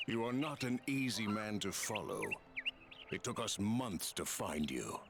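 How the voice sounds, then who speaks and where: An actor playing a cagey messenger for sinister masters in a video game, with stilted, wooden, unconvincing bad acting. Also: male voice, fairly low pitch, very animated, unhurried. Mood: guarded, insistent. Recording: game audio with noisy outdoor ambience.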